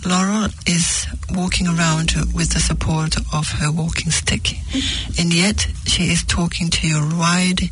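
A woman's voice: on the low side, level tone, a little slow, a bit bright, husky, rough recording. A woman hosting a radio show, speaking effusively to her guest and listeners and repeating phrases for emphasis. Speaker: radio host.

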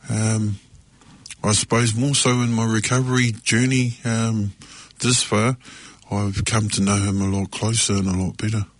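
A man speaks in a low register with little melodic movement. He shares personally and unscripted, halting often as he reflects. The sound is close and dry. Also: dry recording. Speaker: speaker sharing at a recovery meeting.

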